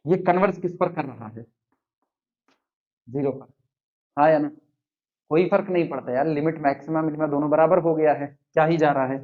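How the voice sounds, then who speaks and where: A man teaching a math lecture at the board, quizzing his students and slowly counting through terms. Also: fairly high pitch, phone-quality sound.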